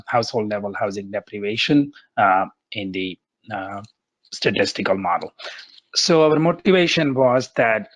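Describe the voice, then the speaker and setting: A man with a bad cold and a muffled, congested voice, giving a halting, explanatory research presentation on a webinar. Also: on the low side, fairly bright tone, no room sound.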